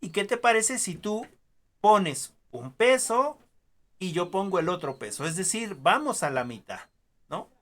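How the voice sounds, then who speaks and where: A teacher quoting a calm, patient father who reasons gently with his son. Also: mid-range voice, a little slow. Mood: reasoning.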